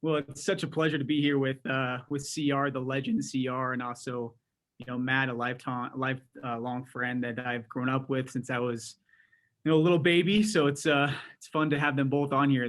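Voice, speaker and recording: A man of about thirty co-hosting a podcast, chatting cheerfully and reading a friend's bio aloud with easy laughter. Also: medium pitch. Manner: cheerful, laughs easily, warm-hearted reading. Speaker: podcast co-host. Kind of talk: casual interview chat and reading a bio aloud.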